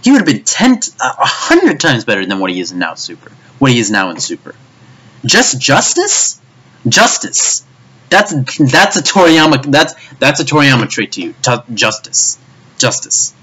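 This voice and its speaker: A man's voice: mid-range voice, huge pitch swings, brisk, few pauses, sharp tone, slight background noise. A man giving an anime review as a frustrated, profane rant, stammering and repeating himself as he goes. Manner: frustrated, stammering, swears often.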